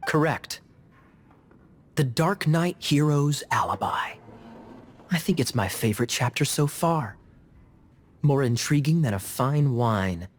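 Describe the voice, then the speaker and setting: Kaeya, a sly, teasing knight. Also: male voice, mid-range voice, lively intonation, slow, long pauses, a little hiss or hum. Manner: smooth, teasing, amused.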